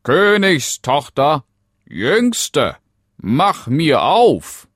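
A man voicing a talking frog in a fairy tale, calling out in a high, loud, drawn-out voice. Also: big pitch swings, no room sound, clean studio sound. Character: pleading talking frog from a well, male.

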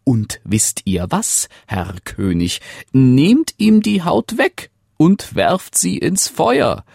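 A man's voice: fairly high pitch, very animated, takes it slowly, vocal fry, darkish tone, breathy edge, no room sound, clean studio sound, pitched above the performer's own voice, heavily acted. A man voicing an eager, scheming young servant who urges a king on in a storybook reading. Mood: urgent. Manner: urgent, conspiratorial advice.

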